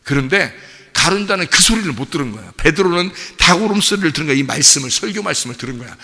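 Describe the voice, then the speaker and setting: A man preaching a dawn sermon as pastor, animated, asking the congregation questions and acting out the people he speaks of. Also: a little high, quick pace, slightly rough, in a large hall. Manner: animated preaching, acts out voices, asks the congregation.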